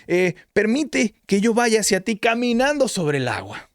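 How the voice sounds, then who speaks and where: A frightened male disciple begs his master for help in a strained, pleading voice, as a preacher acts him out. The voice climbs well above the man's usual speaking pitch. The recording is dry, with no room sound. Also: very animated, a little slow, no room sound, exaggerated voice. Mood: hopeful.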